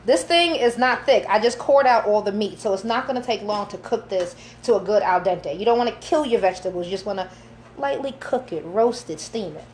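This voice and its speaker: A woman's voice: medium pitch, animated, fairly quick, darkish tone, a little hiss or hum. A woman chef giving a live cooking demonstration in a kitchen, chatty and instructive, joking with her helpers, recorded on a phone camera. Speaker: chef and caterer. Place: home kitchen, indoors.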